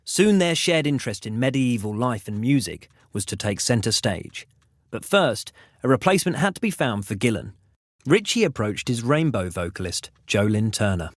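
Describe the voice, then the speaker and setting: A man narrating a music documentary in a measured, dramatic delivery. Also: medium pitch, very animated, no room sound, clean studio sound. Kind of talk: scripted narration.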